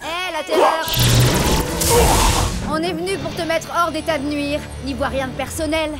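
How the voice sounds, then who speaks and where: A woman voices a bold young animated hero. The voice is high, with a wry, cheeky, breezy delivery, and loud music runs underneath. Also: moderate pace, close to an everyday voice. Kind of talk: animated series dub acting.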